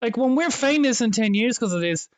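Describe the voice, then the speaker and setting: A man's voice: very high voice, expressive, a little fast, dry recording. A man co-hosting a casual gaming podcast, swearing, laughing and rambling through banter. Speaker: co-host.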